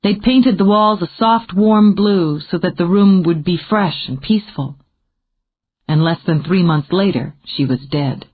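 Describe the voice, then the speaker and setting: A woman narrating a novel in an expressive, measured storytelling manner. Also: on the low side. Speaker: audiobook narrator. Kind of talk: scripted narration. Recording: tinny phone-like audio.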